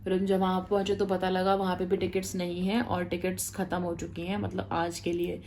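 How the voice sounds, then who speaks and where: A woman vlogger in casual storytelling to camera, chatty and animated, talking straight to her viewers. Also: on the low side, a little fast, slight background noise.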